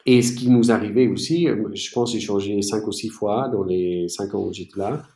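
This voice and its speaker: A man from East Germany, a native German speaker, answering interview questions in a halting way with many fillers and restarts. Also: fairly low pitch, mellow, roomy sound. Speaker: entrepreneur guest.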